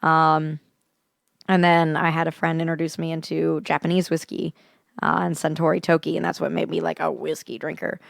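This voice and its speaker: A woman's voice: low-pitched, little pitch movement, moderate pace, vocal fry, no echo, clean studio sound. A young woman co-hosting a whiskey podcast, chatting casually, blunt and teasing with frequent laughs. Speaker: podcast co-host. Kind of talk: casual chat and whiskey review.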